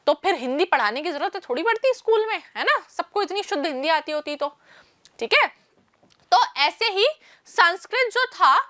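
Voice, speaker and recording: A woman's voice: very high voice, sharp tone, no room sound. A woman teaching a maths lesson step by step, asking questions and answering them herself. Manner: explains step by step, calls listeners "children"; asks and answers her own questions. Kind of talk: online class lesson.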